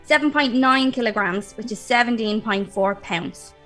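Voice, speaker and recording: Bright, chatty woman. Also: a little high, moderate pace, faint music behind. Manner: chatty, laughs often. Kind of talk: casual chat.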